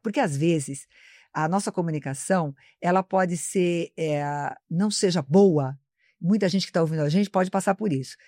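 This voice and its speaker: A woman's voice: on the low side, moderate pace, dark tone, no room sound, studio quality. A woman who teaches marketing, explaining communication as a guest in a live interview, in an instructive, lecturing way. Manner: didactic, explanatory, addresses host by name. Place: studio, live broadcast.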